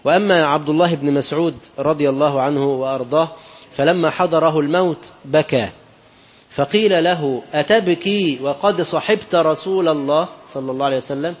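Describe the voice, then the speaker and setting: A man's voice: on the high side, brisk, lo-fi sound. A man with an Egyptian Arabic accent giving an Islamic sermon, moving between classical quotations and colloquial asides and putting questions to his listeners. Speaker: preacher.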